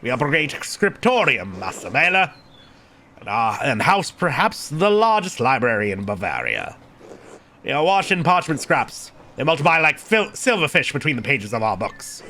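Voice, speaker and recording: A man voicing a stern, guarded monk who heads a scriptorium, speaking low, clipped and haughty, just above a murmur. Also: wildly swooping pitch, normal speed, pushed and bright, exaggerated voice. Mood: haughty, hushed. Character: stern aging male monk, a cold guarded prior.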